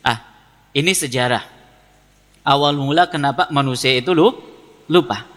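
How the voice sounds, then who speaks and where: With a Javanese Indonesian accent, a man lectures his congregation on Islam, reading Arabic text and then explaining it through repeated phrases and self-answered questions. He speaks at a moderate pace with medium pitch and a fairly bright tone, and the hall echo is long and reverberant.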